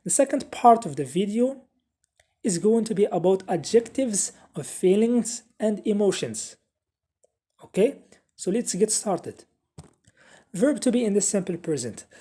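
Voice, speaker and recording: Mellow, husky-voiced woman teacher. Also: mid-range voice, big pitch swings. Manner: slow, repeats example sentences with Arabic translations. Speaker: English teacher. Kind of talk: classroom grammar lesson.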